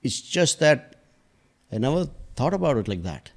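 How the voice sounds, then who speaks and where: A man, a podcast guest telling personal stories in a hesitant, reflective way that trails off into soft asides. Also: mid-range voice, sing-song, normal speed. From India.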